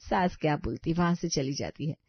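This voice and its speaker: A woman's voice: low voice, moderate pace, husky, dry recording, muffled recording. A woman narrating a cartoon story in a plain storytelling voice.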